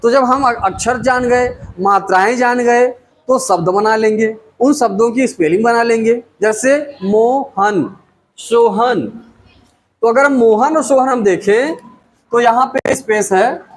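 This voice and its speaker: A man teaching a language lesson, stretching out each example word slowly and repeating it for pronunciation. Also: extremely high pitch, slight background noise, low-quality recording. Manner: slow, drawn-out word-by-word pronunciation drills. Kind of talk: spoken English lesson.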